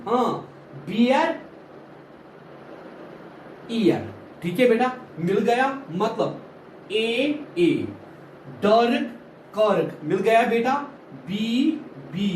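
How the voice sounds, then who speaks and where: Male teacher, higher register, very expressive pitch, slow deliberate lecture delivery, echoey room. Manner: explains in Hindi, slowly repeats English definitions, often says "ठीक है बेटा". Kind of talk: classroom poetry lecture. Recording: echoey room with faint background noise.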